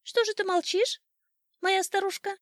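A woman voicing a cocky, boastful old male sparrow in a storybook tale, shrill and teasing. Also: fairly even intonation, a little slow, dry recording, clean studio sound. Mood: boastful chirpy.

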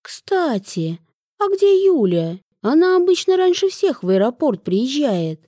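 A woman voicing a brisk, mock-stern middle-aged mother in an audiobook. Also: high-pitched, big pitch swings, warm tone, dry recording, clean studio sound, voice pushed up.

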